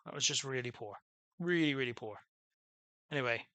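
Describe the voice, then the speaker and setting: A channel host rambles through casual let's-play commentary on his own gameplay, full of fillers and restarts, even calling his voice dull. His medium-pitched voice comes across pushed and bright at a fairly quick pace, with no room sound.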